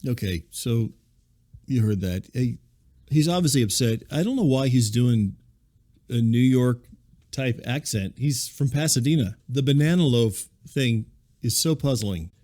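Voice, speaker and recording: A man's voice: medium pitch, lively intonation, measured pace, dark tone, dry recording, studio quality. A man hosting a scripted comedy podcast, narrating and talking in a mild, apologetic, conciliatory way. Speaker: podcast host.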